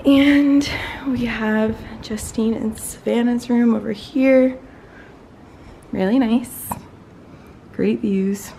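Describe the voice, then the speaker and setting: Holding her phone out at arm's length, a young travel vlogger gives an upbeat, talkative tour of a holiday villa, inside and out on its open terraces, peppering her speech with "like." Her voice sits on the high side and is warm, steady, slow and creaky, with long pauses. A slight hiss or hum runs under the recording.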